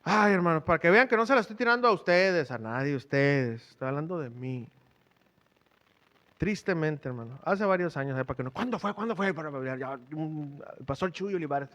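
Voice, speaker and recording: Preacher, higher-pitched man. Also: lively intonation, fairly quick, fairly bright tone. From Mexico. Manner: conversational preaching, quizzes the congregation with rhetorical questions. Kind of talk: sermon. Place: church.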